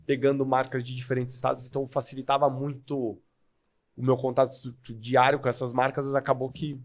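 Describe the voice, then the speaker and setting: A man's voice: mid-range voice, completely flat delivery, fairly quick. A man with a São Paulo Brazilian Portuguese accent, a guest in a podcast interview who makes his points emphatically and step by step. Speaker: guest, sales manager.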